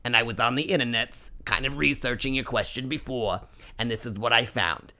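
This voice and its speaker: A man's voice: mid-range voice, fairly quick, pushed and bright. A man voicing a cranky older woman who answers listener questions, indignant and sarcastic. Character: cranky New York older woman advice columnist.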